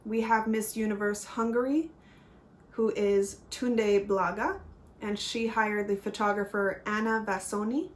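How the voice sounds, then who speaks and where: A woman who works as a fashion photographer, talking earnestly in a casual vlog with frequent ums and apologies. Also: mid-range voice. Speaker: pageant vlogger and fashion photographer.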